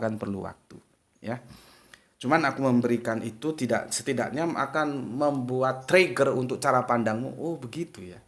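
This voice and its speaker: A man giving a casual spoken religious lesson to his viewers, chatty and emphatic, with big swings of pitch to stress his points.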